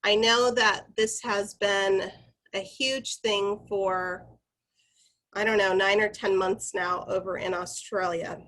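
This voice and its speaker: A woman's voice: medium pitch, steady tone, slow, fairly bright tone, poor audio. Conversational woman leading corporate training. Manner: conversational, instructive, addressing the group directly. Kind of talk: corporate training presentation, informal explaining.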